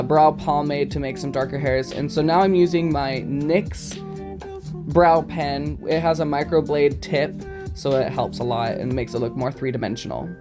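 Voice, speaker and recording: A drag queen in his twenties walks through his makeup routine in a casual, self-mocking tutorial. His voice is a little high, and he fills it with lots of ums and quick giggles.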